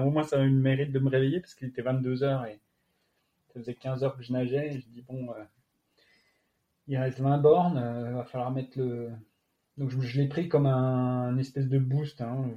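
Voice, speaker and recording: Dark-voiced French man telling a story. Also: mid-range voice, steady tone, dull audio. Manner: halting, many fillers and restarts. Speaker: guest athlete. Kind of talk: casual interview storytelling.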